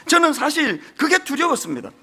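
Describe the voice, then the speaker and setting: A man's voice: very high voice, very animated, brisk, bright, forceful tone. A middle-aged male pastor with a strong Gyeongsang Korean accent, preaching a sermon in an earnest, emphatic way. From Gyeongsang region, South Korea.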